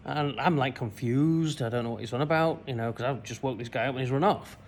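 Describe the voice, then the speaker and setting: A man's voice: medium pitch, fairly quick, slight background noise. Man telling a rambling personal story. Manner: rambling, many fillers and restarts. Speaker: spiritual coach. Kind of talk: personal story told to camera.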